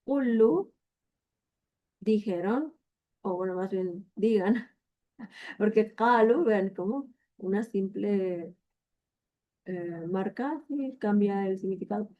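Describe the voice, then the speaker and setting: A woman's voice: medium pitch, slow pace, highs cut off. A native Spanish-speaking woman from Latin America who teaches Arabic vocabulary, thinking aloud and checking in with her listeners. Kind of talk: explaining Arabic vocabulary in a lesson.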